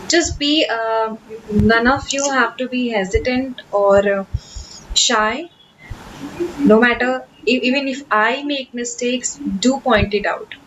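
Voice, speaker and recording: A young woman with an Indian English accent hosts a spoken English class over a video call. Her voice sits a bit high, and she talks in a chatty, encouraging way with easy fillers. Faint hiss runs under the call. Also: a bit bright, low-quality recording. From Kolkata, India. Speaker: spoken English workshop host. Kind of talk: online class, casual teaching talk.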